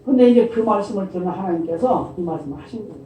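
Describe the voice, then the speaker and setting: A male pastor preaching a sermon, often asking the congregation questions and answering them himself, and reading scripture in a slow, formal cadence. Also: high voice, expressive, a little hiss or hum. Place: church sanctuary. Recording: echoey church hall from far off, dull lo-fi sound.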